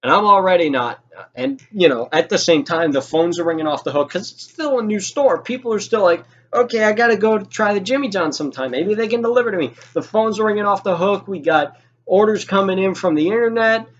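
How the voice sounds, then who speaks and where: With a high-sitting, slightly bright voice and lively intonation, a young man rattles off a personal anecdote fairly quickly, swearing and acting exasperated as he performs the quotes. The recording's highs are cut off.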